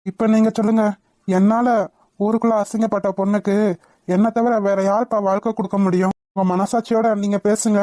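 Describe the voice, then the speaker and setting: A woman's voice: medium pitch, dark tone, no room sound, natural voice. Earnest defiant young man done by a woman for a cartoon, dry close voice. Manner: pleading, earnest. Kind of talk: cartoon voice acting.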